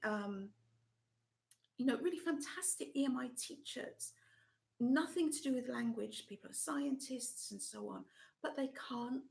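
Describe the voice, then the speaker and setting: A middle-aged woman trainer, losing her voice and coughing, talking thoughtfully with many pauses on a video call. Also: on the high side, vocal fry. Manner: thoughtful, pausing with many ums. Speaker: teacher trainer. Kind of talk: live online session talk.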